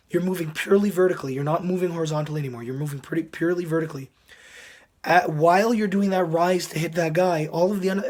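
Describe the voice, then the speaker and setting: Hoarse, slightly high-voiced man, sick. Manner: frequent throat clearing. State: hoarse, sick, losing his voice. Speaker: video game reviewer. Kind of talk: casual commentary to viewers.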